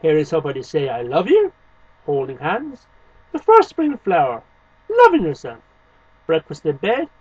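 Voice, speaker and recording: A man with a high-pitched, husky voice recites poetry, an amateur reader who also hosts videos. He's indoors in a small home room lined with shelves, captured by a webcam microphone a short distance away. The sound is dull and lo-fi, with no room sound.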